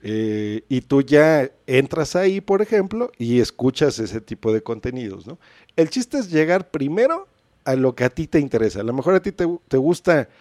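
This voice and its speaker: A man's voice: mid-range voice, very animated, moderate pace, darkish tone, no echo, studio quality. A man with a Mexican accent hosting a podcast, explaining in a chatty way and often asking "¿no?". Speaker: podcast host. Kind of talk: casual instructional chat.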